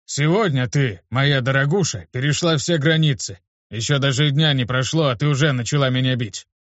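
A man's voice: medium pitch, normal speed, dry recording, pitched above the performer's own voice, close to an everyday voice. Brief: male reader as a blunt, barking tough guy, raised voice, lo-fi and dry. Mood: irritated. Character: gruff adult man, irritable slum teacher. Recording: dull lo-fi dry recording.

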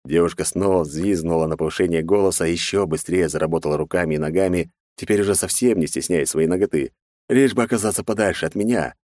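A man reads a first-person audiobook in a very low voice, with a wry inner-monologue tone. The recording is dry and close, with no room sound. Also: quick pace, mellow, no echo. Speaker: audiobook narrator.

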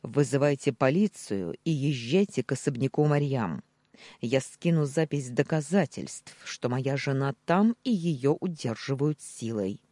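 A man's voice: mid-range voice, lively intonation, a little slow, warm tone, dry recording, close to an everyday voice. A man voicing a frantic young husband who barks urgent orders in an audiobook. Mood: commanding.

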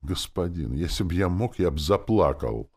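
A man's voice: sits low, moderate pace, breathy edge. A man voicing a fawning, cheeky male zombie, a former official, in a wheezy, nasal voice in an audiobook. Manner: flattering, cheeky, theatrical. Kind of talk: audiobook character voice.

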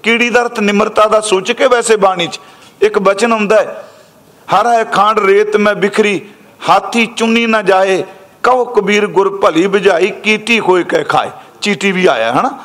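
High-voiced preacher explaining scripture. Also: male voice, a bit bright. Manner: patient, explains word by word, repeats key phrases slowly. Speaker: Sikh preacher giving scripture exposition. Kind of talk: katha sermon explaining scripture.

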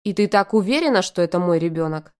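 A woman's voice: on the low side, expressive, quick pace, a little mellow, clean tone, natural voice. A woman doing a stern angry young father. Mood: cold anger. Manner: growling, clipped, cold.

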